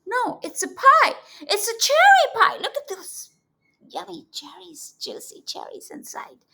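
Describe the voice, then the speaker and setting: Reading aloud for kids, this woman educator and storyteller speaks in a high voice without rushing. Lively and teacherly, she keeps prompting the little ones with questions.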